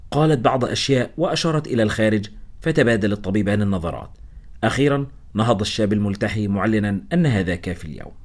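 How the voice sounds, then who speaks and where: A man narrating a first-person story as a scripted audiobook reading, with a steady storytelling manner. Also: fairly low pitch, racing, slight background noise.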